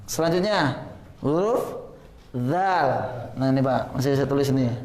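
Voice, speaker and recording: A man's voice: medium pitch, measured pace, a little mellow. A man teaching Quran pronunciation in a live class, patiently correcting students and demonstrating letter sounds. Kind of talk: live tajwid class instruction. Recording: echoey room.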